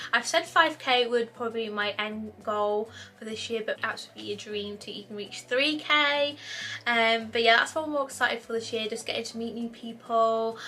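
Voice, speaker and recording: Upbeat and chatty, a UK woman in her twenties answers questions to camera for her YouTube Q&A, frequently saying things more than once. Her voice is on the high side, bright and forceful.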